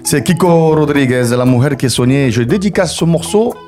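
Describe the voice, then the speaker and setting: A man hosting a radio show in casual chat, lively and full of hesitant fillers. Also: on the high side, normal speed, soft background music. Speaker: radio host.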